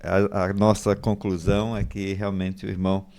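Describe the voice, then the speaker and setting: Low-voiced podcast host. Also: male voice, level tone, moderate pace, a little mellow, clear, resonant tone. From Brazil. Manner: affirming, wraps up with filler "né". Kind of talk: casual interview chat.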